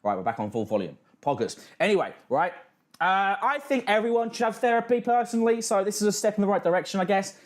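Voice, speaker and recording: A man's voice: sits high, expressive, fast. A British man hosting a casual livestream, reacting and reading out chat with sweary, mocking banter. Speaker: livestream host.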